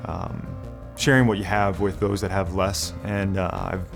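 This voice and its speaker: Earnest low-voiced guy, flat and steady, music behind. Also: a little slow. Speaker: primary care clinician, scholarship recipient. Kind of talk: interview. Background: background music.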